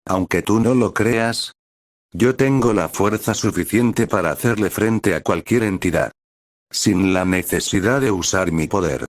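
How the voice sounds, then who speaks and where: A man voicing a young male guardian warrior, gentle and protective, with a soft, reassuring manner. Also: fairly low pitch, measured pace, no echo, studio quality, lightly acted.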